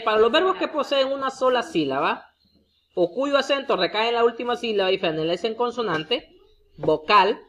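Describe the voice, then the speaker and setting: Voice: mid-range voice, fairly bright tone, dull audio. A Spanish-speaking teacher explaining English verb endings step by step, repeating every example word and often addressing the viewer directly. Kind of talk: explaining grammar rules to students.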